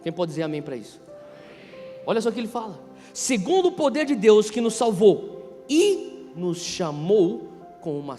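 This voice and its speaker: A Brazilian-accented male pastor in his thirties preaches an impassioned sermon in a very high-pitched voice with heavy emphasis. He repeats key phrases and swings from hushed to loud. The hall PA carries long reverb through a large church, with music underneath.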